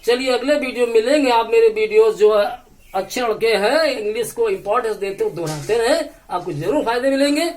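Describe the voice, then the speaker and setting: High-voiced man patiently teaching English. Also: a little mellow. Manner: explains patiently, spells words letter by letter and repeats phrases slowly. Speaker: English tutor. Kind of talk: bilingual language lesson.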